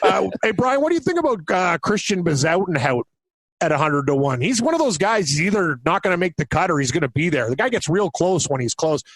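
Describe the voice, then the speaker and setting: A man co-hosting a golf betting show in casual chat, joking, blunt, and quick to laugh. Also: sits high, sing-song, no room sound.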